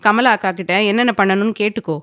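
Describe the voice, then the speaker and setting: A woman's voice: mid-range voice, quick pace, no echo, lightly acted. A woman voicing a domineering, possessive young man who speaks firmly and commandingly, sometimes teasing.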